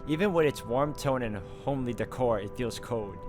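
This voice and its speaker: As a let's player, a man plays through a horror visual novel and reads it aloud, blending dramatic narration with offhand comments. His voice is medium-pitched at a normal speed, and loud music plays behind him.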